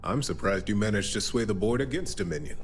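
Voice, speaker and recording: A man's voice: on the low side, fast, slight background noise, natural voice. An actor playing an aloof, disapproving male executive in a video game, speaking in a dry, condescending way. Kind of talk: video game character acting.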